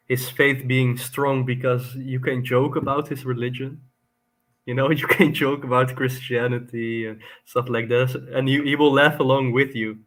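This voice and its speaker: A slightly tipsy man talking casually about ideas in a hesitant, halting way with chuckles. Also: mid-range voice, fairly bright tone. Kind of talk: casual philosophical conversation.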